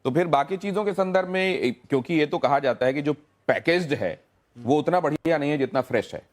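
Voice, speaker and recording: A man's voice: fairly high pitch, lively intonation, fairly quick. A man anchoring a televised debate, pressing his guest with pointed, interrupting questions.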